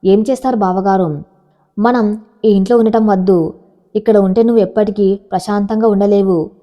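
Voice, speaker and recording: A woman's voice: medium pitch, steady tone, normal speed, dark tone, in a large hall, natural voice. A woman reading as an accusing, anguished young husband. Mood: remorseful. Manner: accusing, emotional.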